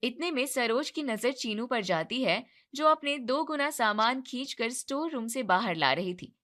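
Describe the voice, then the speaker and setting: A woman's voice: fairly high pitch, animated, normal speed, fairly bright tone. A woman narrating a family story in a plain storytelling manner. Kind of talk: scripted narration.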